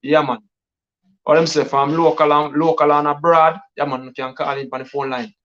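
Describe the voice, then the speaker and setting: This Jamaican man hosts a live stream as a DJ, rattling off patois-laced shout-outs and hype. His voice sits a touch high for a man, and the stream audio sounds dull and lo-fi. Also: little pitch movement, normal speed. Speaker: DJ and livestream host. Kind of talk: casual live-stream chat.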